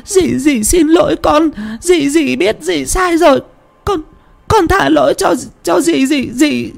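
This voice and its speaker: A woman's voice: high voice, lively intonation, slow, darkish tone. A woman playing a frightened, guilty middle-aged village woman who stammers and begs for forgiveness. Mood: pleading. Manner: pleading, stammering.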